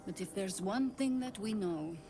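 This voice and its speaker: An actress voicing an adult woman companion in a fantasy video game, speaking in a measured, explanatory way. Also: mid-range voice, animated, lightly acted. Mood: calm. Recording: game audio with music under it. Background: game music.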